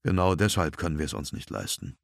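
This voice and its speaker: A man's voice: extremely low pitch, quick pace, vocal fry, dry recording, clean studio sound. A man reading an audiobook, voicing a worn-down, worried middle-aged father who sounds heavy and defensive. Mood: strained weary.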